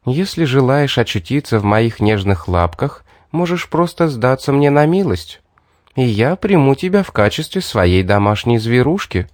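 A man's voice: medium pitch, animated, normal speed, no room sound, studio quality, close to an everyday voice. A man voicing a sly, predatory young woman who is part beast, purring and mocking in a storybook reading. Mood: teasing purr.

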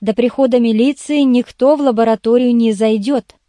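A woman's voice: on the high side, fairly even intonation, normal speed, warm tone, no echo, studio quality, lightly acted. A woman reading the lines of a blunt male journalist questioning a suspect in an audiobook. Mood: interrogating. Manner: harsh, interrogating.

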